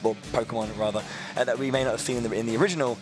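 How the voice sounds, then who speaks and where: Fast, halting British male analyst. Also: medium pitch, fairly even intonation. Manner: halting, repeats words as he goes. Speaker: esports analyst. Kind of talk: conversational tournament analysis. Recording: music playing behind the voice.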